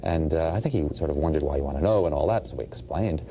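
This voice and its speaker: Man, deep voice, dark mellow tone, relaxed, anecdotal, faint background hiss. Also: fast. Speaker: interviewee. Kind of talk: interview recollection.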